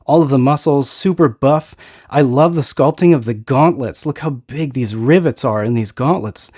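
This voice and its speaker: A man's voice: mid-range voice, moderate pace, darkish tone. A man hosting a casual toy unboxing review, talking with enthusiasm, rambling a little and often asking "right?" as he goes.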